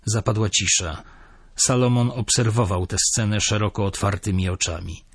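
A man narrating a crime novel as an audiobook in an even, measured manner. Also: fairly low pitch, breathy edge, no room sound, studio quality.

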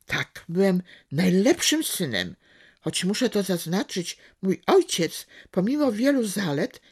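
Brief: self-righteous professor father, lecturing and scolding, slow and drawn out, pitch swooping, as a woman reads him. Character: pompous scolding middle-aged male professor father.

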